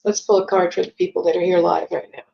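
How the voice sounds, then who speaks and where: With a lowish, level, scratchy and gravelly voice, a woman talks quickly as she runs a live psychic reading stream. She chats casually and reads out comments from viewers, and the audio is dull lo-fi.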